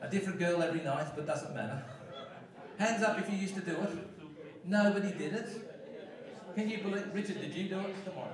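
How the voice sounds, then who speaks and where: Male stage singer from Liverpool, higher voice, playful crowd banter; echoey hall, heard from afar over loud backing music. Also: fairly quick, distant mic. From Liverpool, England. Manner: cheeky, jokey, playful with the crowd. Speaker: singer and entertainer. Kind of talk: live singing with cheeky audience banter. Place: large hall at a live event.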